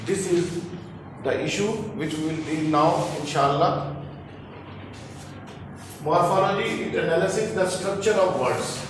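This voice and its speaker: High-voiced male teacher, echoey room. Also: music in the background. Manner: explains slowly, repeating key terms, mixing English with Hindi-Urdu. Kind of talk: classroom lecture on linguistics. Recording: very echoey room, heard from a distance.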